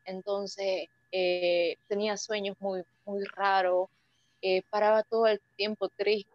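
A young woman giving an emotional personal testimony as an interview guest, halting with many restarts. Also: mid-range voice, little pitch movement, dry recording. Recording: dull lo-fi dry sound.

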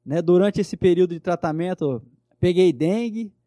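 A man's voice: high voice, normal speed, dark tone, no room sound, clean studio sound. A man, a guest telling his own story with earnest fervor and frequent tag questions. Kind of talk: personal testimony in conversation.

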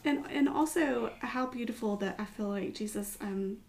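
A woman's voice: fairly high pitch, normal speed, slight background noise. A woman from the United States talking encouragingly in a casual devotional discussion. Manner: warm, encouraging, affirming.

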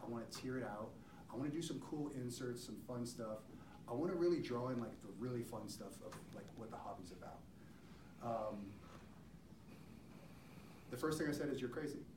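A man gives an upbeat sales talk at an event. A low-quality recording of the live session catches him from far off. The room echoes and carries a steady noise. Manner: upbeat, salesy, retells conversations. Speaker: company speaker presenting at a collectors' event. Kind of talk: promotional presentation talk.

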